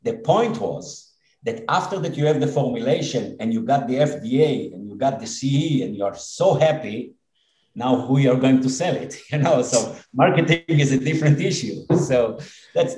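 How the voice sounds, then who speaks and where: Poor audio and a roomy sound capture an Israeli-accented dentist and company head in his fifties talking as a podcast guest. His medium-pitched voice has a darkish tone, and his earnest speech is halting and full of fillers.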